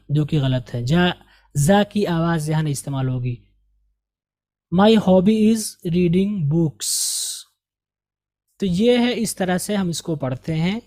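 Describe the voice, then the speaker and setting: A man from India teaching an English lesson, repeating example sentences slowly and carefully to correct pronunciation. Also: a little high, dark tone. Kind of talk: recorded language lesson.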